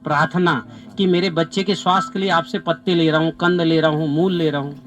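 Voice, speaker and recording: A man leading a natural farming training outdoors on farmland, animated and repeating short commands to participants. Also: fairly high pitch, fast. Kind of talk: live outdoor demonstration with participants. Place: outdoors on farmland under trees.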